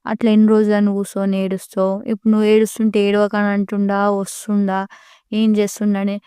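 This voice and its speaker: Young Telangana woman, slow and sorrowful. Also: medium pitch, completely flat delivery, dark tone, smooth, dry recording, studio quality. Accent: Telangana Telugu. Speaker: vlogger. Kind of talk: casual personal vlog talk.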